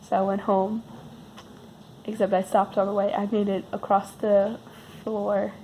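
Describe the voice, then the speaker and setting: A woman vlogger talks in a creaky, sick voice that is close to giving out. Her tone is dark and relaxed as she rambles casually through a personal story with wry understatement. Some background noise sits under the recording. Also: medium pitch, unhurried, rough recording. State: losing voice while sick.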